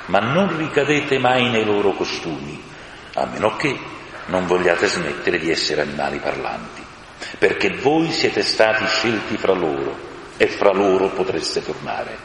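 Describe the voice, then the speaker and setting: A man voicing a great male lion, speaking slowly and gravely, stern yet glad, in a storybook reading. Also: low voice, fairly bright tone, slight background noise, heavily acted. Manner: slow, grave, commanding. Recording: echoey room with long reverb.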